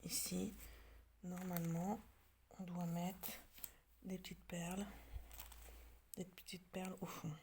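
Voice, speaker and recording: French woman, lowish voice, hesitant home vlogger who slips into soft near-whispers, faint hiss behind her. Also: level tone, slow, long pauses. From France. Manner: hesitant, many fillers and restarts; drops to soft near-whispers while showing details. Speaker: craft vlogger. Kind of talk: casual show-and-tell.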